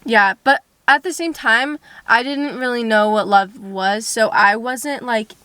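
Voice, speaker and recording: A woman's voice: fairly high pitch, measured pace, pushed and bright, no echo. A young woman, a student, chatting and laughing with her boyfriend in a couple's vlog, reading out questions. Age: young adult. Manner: giggly, reads out questions, fillers. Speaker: vlogger, girlfriend, student. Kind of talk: casual couple chat.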